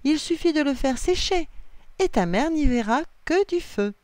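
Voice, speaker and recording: A woman's voice: sits high, moderate pace, dry recording, voice pushed up. A woman voicing a sensible, reassuring young boy in a storybook. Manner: calm, reassuring.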